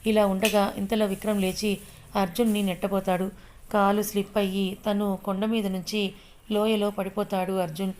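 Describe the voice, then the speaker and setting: A woman narrating an audio story in a steady, unhurried reading voice. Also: medium pitch.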